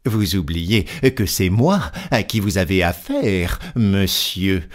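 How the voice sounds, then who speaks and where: A man's voice: sits low, expressive, slow. A man reading a storybook, voicing an insulted police inspector who speaks indignantly.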